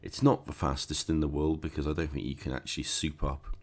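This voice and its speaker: A man with a cold hosts a gaming walkthrough, his croaky, stuffed-up voice rumbling low. He delivers it flatly and a little fast, chatting casually with sarcastic asides.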